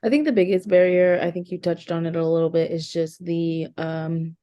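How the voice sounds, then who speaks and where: A woman's voice: fairly low pitch, steady tone, mellow. A woman co-hosting a podcast in casual chat, explaining her views earnestly. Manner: earnest, explaining, with quick laughs. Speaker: podcast co-host.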